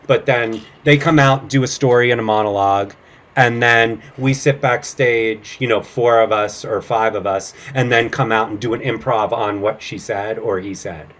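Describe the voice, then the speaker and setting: Informal anecdotes come from a middle-aged interview guest who works as an actor and improv comedian, and he acts out lines of dialogue while chatting. His lowish voice is fairly bright, with fairly even intonation and a moderate pace.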